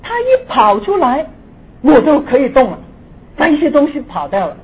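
A woman in her sixties telling a personal ghost story, moving between hushed and excited. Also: high voice, moderate pace. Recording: tinny phone-like audio with faint hiss.

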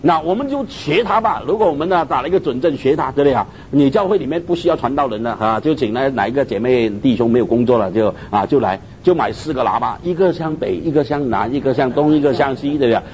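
Animated preacher, man. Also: quick pace, hardly any pauses. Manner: animated, keeps asking listeners "right?", mixes in English terms. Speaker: preacher on missions. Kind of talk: sermon. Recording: dull lo-fi recording with faint rumble.

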